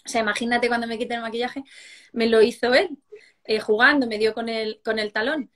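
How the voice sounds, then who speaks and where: A woman, hosting a casual chat interview, telling anecdotes in a chatty, animated way. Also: on the high side, fairly quick. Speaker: host. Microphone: video call.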